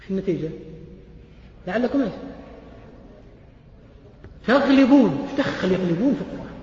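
A man preaching a sermon, asking the audience animated rhetorical questions. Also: high voice, fairly quick. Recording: echoey hall, dull lo-fi sound.

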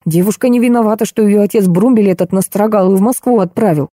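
A woman's voice: mid-range voice, quick pace, warm tone, no echo, clean studio sound, natural voice. A woman voicing a clumsy, blunt man who grumbles and then defends himself, barely changing her own voice. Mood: defensive. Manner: gruff, defensive. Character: flustered male driver, clumsy and blunt.

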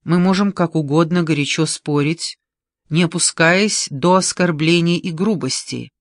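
Reader doing a stern older father, firm restrained voice, slow measured words, dry close sound. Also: mid-range voice, no room sound, close to an everyday voice. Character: stern elderly father, calm family head.

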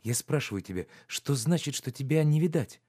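A man putting on the voice of an anxious, determined young noblewoman asking quick questions. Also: mid-range voice, animated, a little mellow, breathy edge, pitched above the performer's own voice.

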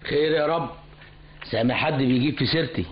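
An actor playing a dutiful, soothing Egyptian son in a radio drama. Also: male voice, mid-range voice, fast talker, lightly acted. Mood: calm. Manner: soothing, reasonable. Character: dutiful grown son, calming peacemaker. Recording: dull lo-fi radio recording.

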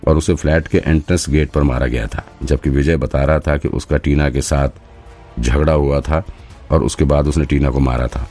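A man's voice: very deep voice, darkish tone. A man voicing a matter-of-fact woman assistant. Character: young woman assistant to a detective, attentive.

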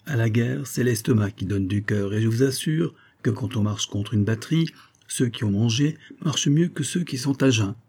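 A man narrating a classic novel aloud, measured, raising his voice for the characters' lines. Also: mid-range voice, darkish tone, slightly rough. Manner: measured, lifts voice for dialogue. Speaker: audiobook reader.

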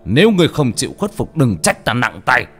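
A man's voice: fairly low pitch, sing-song, normal speed, fairly bright tone, faint music behind. A man voicing a stern male exorcist master who commands spirits with authority. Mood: commanding.

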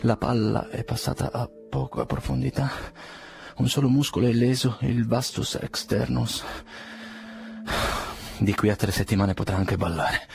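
A man's voice: medium pitch, steady tone, measured pace, vocal fry, pauses often, a little mellow. A man reading a sardonic young doctor. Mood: muttering. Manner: dry, muttering, matter-of-fact. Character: blunt young male doctor, sardonic and cool.

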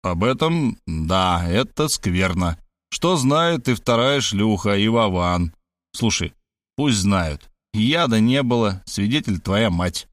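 A man's voice: lowish voice, animated, dry recording, studio quality. A man voicing a brash, cynical male friend with crude, mocking talk in an audiobook. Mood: scheming. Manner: mocking, crude, fast-talking. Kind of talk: audiobook character voice.

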